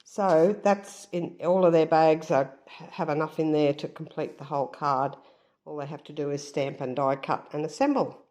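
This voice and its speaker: A woman's voice: low-pitched, fairly even intonation, normal speed, a little mellow. A woman with a stuffed-up, nasal voice, chatting casually as she shows her craft work, with frequent ums. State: stuffed-up nose. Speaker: craft vlogger. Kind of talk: casual show-and-tell.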